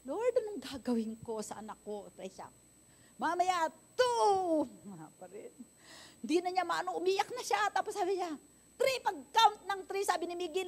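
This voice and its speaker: An older woman pastor telling a testimony in a sermon, animated and laughing, mixing in English phrases. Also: extremely high pitch. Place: church.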